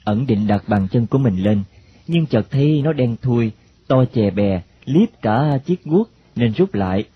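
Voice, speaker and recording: A man narrating a story in a plain, steady reading. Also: medium pitch, unhurried, slightly rough, no room sound. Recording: dull lo-fi recording, faint hiss.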